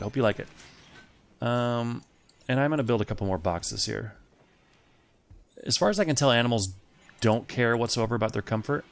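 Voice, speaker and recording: Gravelly low-voiced man narrating gameplay. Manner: thinks aloud, chatty, addresses game characters. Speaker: let's play host. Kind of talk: casual gameplay commentary. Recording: faint game music behind.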